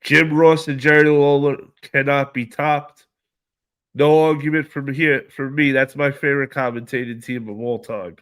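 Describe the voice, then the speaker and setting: A man hosting a casual live stream, reading viewer comments aloud and answering them in a relaxed, slangy way. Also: mid-range voice, moderate pace. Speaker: livestream host reading chat.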